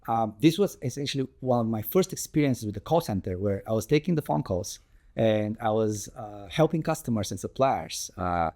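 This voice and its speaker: A Bulgarian tech founder appears as an interview guest and tells his life story in an earnest, measured way, with frequent ums and restarts. His voice is mellow and on the low side, with lively intonation.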